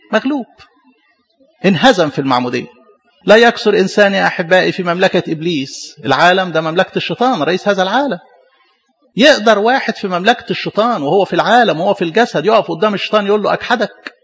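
Fast, husky-voiced Egyptian priest preaching. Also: male voice, high-pitched, muffled recording. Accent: Egyptian Arabic. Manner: animated preaching with rhetorical questions. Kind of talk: sermon.

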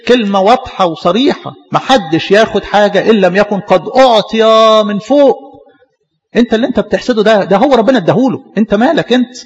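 A man with an Egyptian accent, a pastor, preaching a sermon in a quick, repetitive style full of rhetorical questions. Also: sits high, expressive, in a large hall, highs cut off. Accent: Egyptian Arabic. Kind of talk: Coptic church sermon.

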